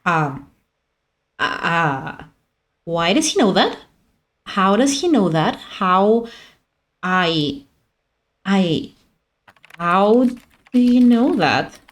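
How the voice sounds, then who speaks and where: A woman streamer talks back to a game character with sassy, mock-dramatic flair. Her pitch swings widely, and she takes her time between lines. The audio sounds a bit rough. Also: big pitch swings, very slow, long pauses. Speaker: gaming streamer. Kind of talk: let's play commentary.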